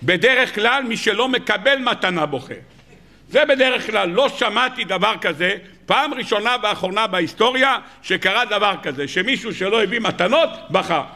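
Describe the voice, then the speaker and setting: A man, a rabbi, giving a lively sermon to a live audience, firing off rhetorical questions with mock disbelief and humorous asides. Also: sits high. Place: lecture hall with live audience.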